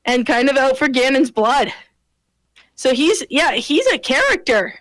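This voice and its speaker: A woman with a high voice talks through games in a loose, rambling way, full of "like" and restarts. She is co-hosting a relaxed podcast chat. Her voice is close and dry, with no room sound. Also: measured pace, dry recording, rough recording. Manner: rambling, many fillers and restarts. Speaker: podcast co-host. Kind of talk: casual gaming chat.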